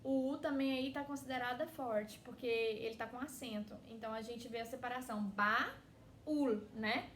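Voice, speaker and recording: A Brazilian woman teaches a class in an easy, chatty way, with a slightly high voice. She keeps checking in with her students and slows down to stretch out the example words. The sound is roomy and echoey, with a faint hiss underneath. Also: fairly even intonation. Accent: Brazilian Portuguese. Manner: chatty, constantly tags phrases with "né?"; stretches out words slowly when spelling them out. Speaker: Spanish teacher. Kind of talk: recorded online class. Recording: echoey room with faint noise.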